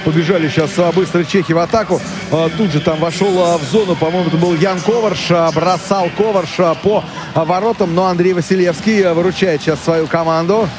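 A middle-aged man giving live, descriptive hockey play-by-play in a halting way, with drawn-out hesitations. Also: high voice, fairly even intonation, background noise. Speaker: hockey commentator. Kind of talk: live audio-described match commentary.

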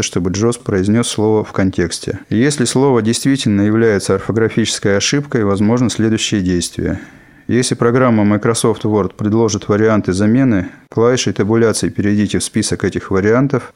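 Low-voiced man narrating a lesson. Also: a little mellow. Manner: measured, formal reading. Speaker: instructor narrating a software lesson. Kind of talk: scripted instructional narration.

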